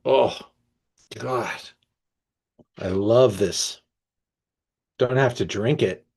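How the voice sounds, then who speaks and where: A man hosting an online wine tasting, reading tasting notes aloud and breaking off to react with enthusiasm, often pausing with fillers and restarts. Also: mid-range voice, gravelly, a little mellow, breathy edge. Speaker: wine merchant presenting a tasting.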